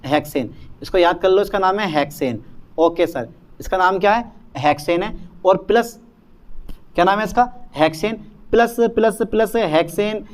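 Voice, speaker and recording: A man lectures on chemistry with a high, bright-pitched voice. He drills each term over and over and answers his own questions like a call and response. His tone is that of a patient classroom teacher. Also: moderate pace. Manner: calls students "beta" and "bhaiya".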